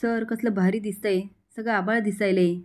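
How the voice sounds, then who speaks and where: A woman's voice: mid-range voice, fairly even intonation, moderate pace, close to an everyday voice. A woman voicing a cheerful young village girl who speaks in rustic, countrified speech.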